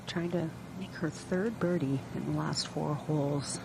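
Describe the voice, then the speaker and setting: A woman's voice: low voice, a little slow. A woman working as a golf commentator, giving explanatory live analysis of play. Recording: clear background noise, outdoor ambience. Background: outdoor ambience noise.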